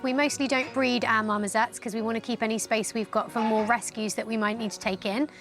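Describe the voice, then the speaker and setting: Woman zookeeper explaining stuff for a documentary, highish voice, casual, bit of music behind. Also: fairly even intonation, brisk, fairly bright tone. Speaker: primate care keeper. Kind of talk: informal explanatory documentary interview.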